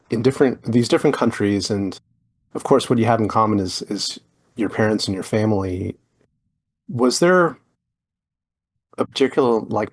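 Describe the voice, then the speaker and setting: A man hosting a podcast interview, rambling and friendly as he asks his questions. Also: mid-range voice. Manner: rambling, many fillers and restarts, friendly. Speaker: podcast host. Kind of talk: casual interview chat.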